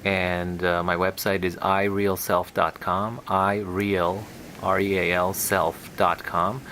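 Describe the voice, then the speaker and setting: A man's voice: deep voice, level tone, slow, pushed and bright, slight background noise. A man speaking as a hypnotherapist on a guided relaxation recording, with a soothing, hypnotic delivery. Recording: music and rain sounds behind the voice. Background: relaxation music with rain.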